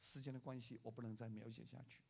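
An older man preaching a sermon as a pastor, telling a story with lively acted-out voices for the people in it. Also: mid-range voice, quick pace, gravelly, breathy edge. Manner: animated preaching, acting out the people in his story.

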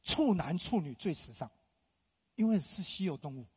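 A man's voice: high voice, expressive, normal speed, a little mellow, slightly rough. A middle-aged male pastor preaching a sermon, emphatic, firing rhetorical questions at the congregation. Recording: long hall reverb.

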